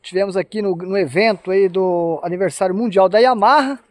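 A man's voice: high-pitched, brisk, dry recording. A man from Brazil filming a casual walking tour vlog outdoors at a farm zoo, exclaiming and pointing things out to his viewers. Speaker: vlogger. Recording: outdoor crowd and vehicle noise.

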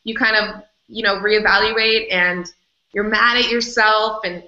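A woman being interviewed, telling a personal story in an animated way and laughing often. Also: mid-range voice, unhurried. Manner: animated, laughs often, acts out her own past words. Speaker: interview guest. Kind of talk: candid storytelling in conversation. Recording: slightly dull, roomy recording.

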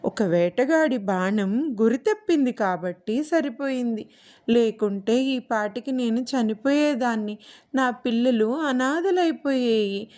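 A woman's voice: a little high, expressive, unhurried, darkish tone. A woman voicing a hurt pleading mother bird.

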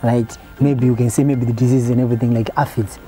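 Farm worker, earnest, very dark voice, outdoors, faint music. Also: male voice, medium pitch, steady tone, fast talker, rough recording. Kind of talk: explaining in an interview. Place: outdoors in a garden.

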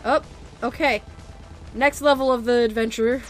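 A woman co-hosting a let's-play, yelping and swearing excitedly as she plays. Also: fairly high pitch, normal speed, faint music behind. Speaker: co-host of a let's-play show. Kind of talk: casual game commentary.

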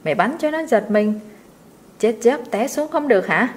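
A woman's voice: fairly high pitch, lively intonation, moderate pace, natural voice. Woman playing a harsh scolding rich mistress. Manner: scolding, sharp, loud.

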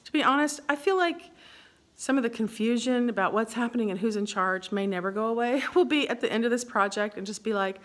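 A middle-aged vlogger with a slightly high, fairly bright voice talks briskly through a tour of her bedroom under renovation. She rambles and laughs often, her words echoing with long reverb in the bare indoor room.

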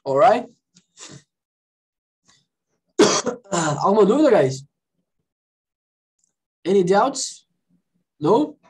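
A woman teaching English in an online class, lively and coaxing, quizzing students and repeating phrases slowly. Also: medium pitch, husky. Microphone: video call.

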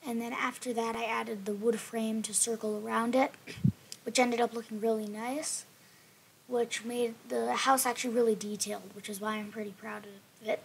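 A woman giving a casual, rambling voice-over for her building game video, throaty and often clearing her throat, apologetic in manner. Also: on the high side, level tone, normal speed, a little hiss or hum, rough recording. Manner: rambling, apologetic, filler-laden. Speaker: gaming channel host.

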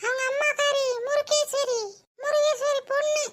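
A woman's voice: extremely high pitch, level tone, moderate pace, heavy background noise. A woman voicing a boastful, gossipy village woman who scolds and wails, with a Tirunelveli Tamil accent. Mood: scolding gossip. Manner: scolding, sharp-tongued, dramatic wailing.

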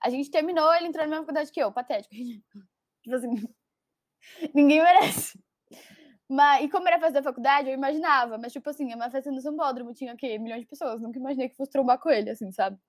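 Brief: young woman, high bright voice, chatty storyteller with lots of laughs, dry close sound. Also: fast talker, no echo. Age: young adult. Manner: animated, laughs often, many fillers. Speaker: guest storyteller. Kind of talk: casual storytelling.

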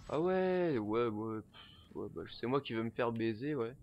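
A young man giving casual, profane commentary while playing a horror game, joking and often shouting. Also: medium pitch, lively intonation, measured pace, highs cut off, slight background noise. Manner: swearing, jokey, bursts of shouting. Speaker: gameplay commentator. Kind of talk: let's play commentary.

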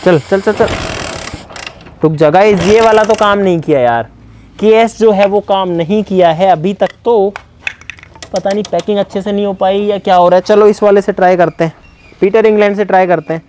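A man's voice: sits high, moderate pace, darkish tone, a little hiss or hum. A man talking casually to viewers while he demonstrates a bike trick, calling out repeated urgent commands to a helper. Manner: chatty, addresses viewers as brother and guys, repeats urgent commands. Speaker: vlogger. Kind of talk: casual hands-on demo vlog.

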